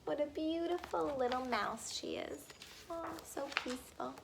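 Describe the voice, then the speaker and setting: Reading a picture book to children in a lively, animated way, a woman stops occasionally to pose simple questions to her young audience. Her voice is high-pitched with vocal fry, and there's background noise.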